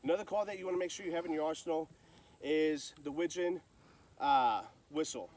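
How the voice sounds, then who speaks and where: A man's voice: a little high, fairly quick, darkish tone, far from the mic. A man giving casual, folksy, plain-spoken instruction as a hunter sharing calling tips.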